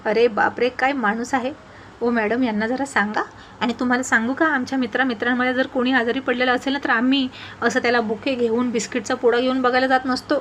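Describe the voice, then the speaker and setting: A woman's voice: on the high side, level tone, fast, fairly bright tone, slight background noise, natural voice. Jolly older village guy, a lady narrator puts him on, teasing and folksy, storybook voice. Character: cheerful older village man, always laughing.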